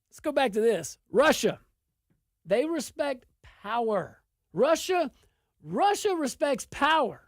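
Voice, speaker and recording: A woman's voice: a little high, darkish tone, dry recording, studio quality. A woman with an Arkansas Southern accent giving informal political commentary, emphatic and repeating phrases for stress.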